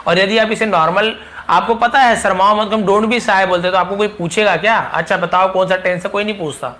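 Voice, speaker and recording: A man with a notably high voice gives a chatty language lesson. He speaks directly to his learners and explains patiently, repeating each example and stretching out the English phrases slowly so they can follow. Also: steady tone, pushed and bright. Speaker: English teacher.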